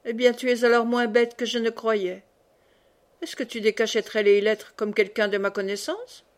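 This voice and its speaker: A scornful old mother, shrewd and dry in her mockery, as a woman reads her aloud. The voice sits a little high, and the tone is cool and knowing. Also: fairly even intonation, moderate pace, close to an everyday voice. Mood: wary. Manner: mocking, dry.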